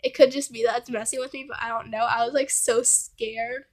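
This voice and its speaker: A high-pitched young woman talks to camera in a loose, rambling storytime chat, leaning on filler words at every turn. She sounds under the weather, like someone home sick. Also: fairly even intonation, brisk. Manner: rambling, fills with "like" constantly. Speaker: vlogger.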